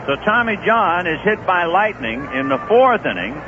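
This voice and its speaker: On noisy, tinny 1970s radio, a man with a high voice gives live baseball play-by-play at a moderate pace. He's lively, his voice rising whenever a big play happens.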